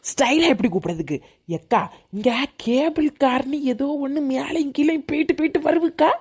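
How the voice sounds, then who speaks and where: An impatient young cartoon woman, put on by a woman, calling out. Her high voice swings up and down a lot. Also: lively intonation, brisk, a little mellow. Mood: urging. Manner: calling out from afar.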